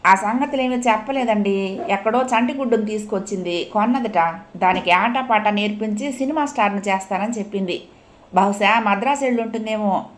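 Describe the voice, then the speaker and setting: A woman's voice: medium pitch, a little fast, natural voice. A woman reading as a chatty, gossiping neighbour. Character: evasive, talkative neighbour.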